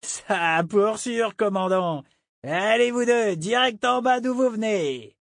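A man puts on an exaggerated voice, pitched above his natural one, to play a grinning, boisterous pirate crewman in a gleeful mood. His high, animated delivery is slow, with vocal fry and a slightly bright tone. The studio-quality recording has no echo.

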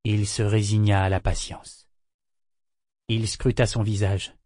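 Man with a dark, dry narrating voice. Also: on the low side, flat delivery, a little slow, no echo. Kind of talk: audiobook narration.

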